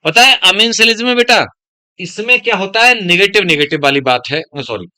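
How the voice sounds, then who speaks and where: A man's voice: sits high, expressive, brisk, bright, forceful tone, dry recording, studio quality. Stern-voiced man teaching a class. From Uttar Pradesh, India. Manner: speaks of his own heavy, stern-sounding voice; addresses students as beta, digresses into life advice. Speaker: biology teacher. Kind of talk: classroom lecture.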